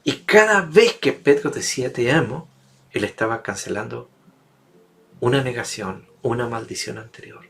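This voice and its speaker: A man's voice: medium pitch, sing-song, normal speed, gravelly, a bit bright. A male preacher delivering a sermon, emphatic and building repetitive rhetorical lists.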